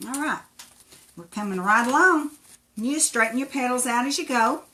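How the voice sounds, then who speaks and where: Speaking at a normal speed in a bright, pushed voice on the high side, this Tennessee woman with an Appalachian accent runs a relaxed livestream craft tutorial. She's folksy and chatty, calling out viewers by name to thank them, and there's slight background noise.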